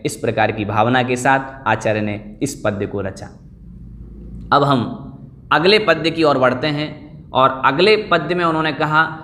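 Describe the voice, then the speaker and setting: A man's voice: mid-range voice, bright, forceful tone. A man teaching an online scripture class, explaining verse after verse and drilling the pronunciation of each word.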